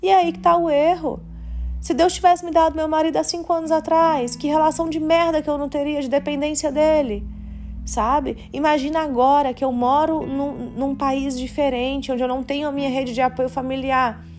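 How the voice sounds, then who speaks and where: A woman's voice: sits high, flat delivery, moderate pace, a little mellow, a little hiss or hum. A Brazilian woman in her late twenties hosting a podcast, speaking in a candid, confessional and faith-centered way, with casual slang. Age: late 20s. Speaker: podcast host. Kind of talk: candid personal monologue.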